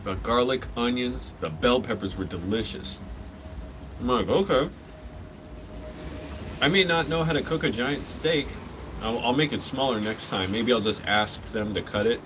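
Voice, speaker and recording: A man's voice: mid-range voice, animated, moderate pace. A man rambling casually while eating, talking with his mouth full. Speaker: vlogger. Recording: clearly noisy background hum.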